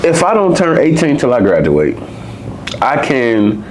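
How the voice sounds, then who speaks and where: A man's voice: medium pitch, wildly swooping pitch, measured pace, a little mellow, a little hiss or hum. An American man in his twenties or thirties, co-hosting a podcast, rambling and profane in casual conversation. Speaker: podcast co-host.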